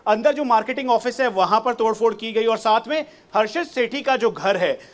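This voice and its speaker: Man reporting live for TV news. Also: extremely high pitch. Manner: fast, formal reporter's delivery. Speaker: field reporter.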